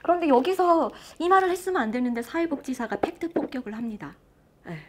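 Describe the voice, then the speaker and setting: A woman lecturer and author gives a lively motivational talk on stage before a live audience, often asking the crowd questions. Her voice is high-pitched and her pace quick.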